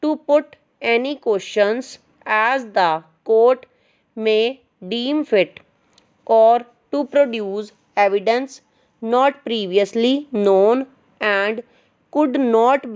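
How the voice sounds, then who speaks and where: Woman doing dictation like a teacher, slow short phrases, smooth clear voice, slightly dull audio. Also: a little high, darkish tone. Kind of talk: slow, measured legal dictation read aloud.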